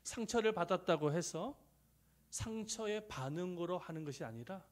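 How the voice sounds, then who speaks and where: Pastor's sermon, middle-aged man, animated pitch, slightly high, dramatic swings in loudness. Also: moderate pace. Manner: preaching with sudden loud rises and soft drops; acts out quoted voices in dialogue.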